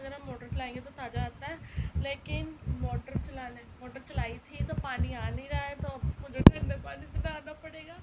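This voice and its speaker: A young woman with a cold and sore throat chatting casually at home in a home vlog, rambling and repeating herself. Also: high-pitched. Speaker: vlogger. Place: at home, indoors and on a terrace in rain. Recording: rain noise in background.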